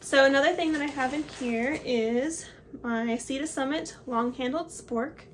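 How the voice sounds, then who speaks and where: In a small home office, a woman in her twenties shows her hiking gear to the camera, chatting about each item as she holds it up. The hiking vlogger has a high voice and an unhurried pace, with a little hiss or hum in the audio.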